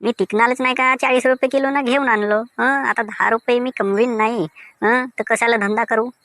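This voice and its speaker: A man's voice: very high voice, steady tone, moderate pace, sharp tone, dry recording, heavily acted. Man doing a grumbling village mango seller. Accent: Vidarbha Marathi. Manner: sing-song, defensive, grumbling. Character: cheerful singing village mango seller Diwakar.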